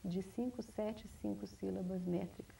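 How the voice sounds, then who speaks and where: A woman writer, answering interview questions in a measured, reflective way, often restarting and adding "né?". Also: medium pitch, steady tone, gravelly, warm tone, slight background noise. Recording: distant mic, 1990s TV studio recording.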